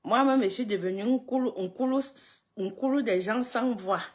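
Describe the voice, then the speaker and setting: A woman's voice: fairly high pitch, moderate pace, slightly rough. A woman hosting a casual live stream, greeting viewers one by one, repeating herself and laughing often between lines.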